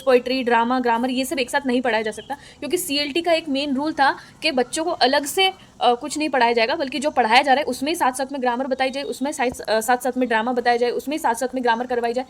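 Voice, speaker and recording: Woman, high-pitched, young, teacher, step-by-step explanation with fillers. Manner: explains step by step, restating each point with fillers. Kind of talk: exam-prep lecture.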